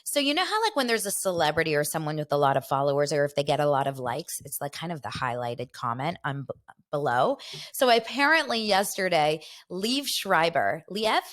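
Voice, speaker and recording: With a deep, a bit bright voice, this young Los Angeles woman talks fairly quickly and very animatedly. As host of her podcast, she reads out viewer comments while gossiping in easygoing chat.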